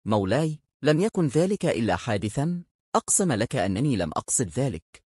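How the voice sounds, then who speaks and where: A man's voice: mid-range voice, sing-song, fairly quick, a little mellow, breathy edge, no echo, clean studio sound. A man voicing a loyal, humble servant who speaks earnestly and pleadingly, in a storybook tale.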